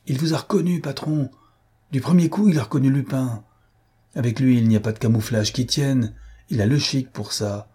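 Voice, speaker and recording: A man's voice: medium pitch, normal speed, mellow, slightly rough, pitched above the performer's own voice. A man voicing a loyal, blunt police sergeant who talks in urgent, slangy warnings.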